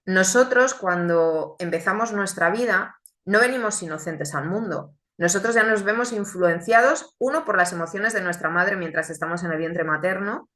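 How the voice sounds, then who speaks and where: A woman gives a faith testimony in an earnest, reflective way and often poses rhetorical questions. Her voice is bright and forceful. The room around her sounds echoey. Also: fairly low pitch, moderate pace, few pauses. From Chile, raised in Spain. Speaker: speaker giving a faith testimony. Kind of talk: testimony talk.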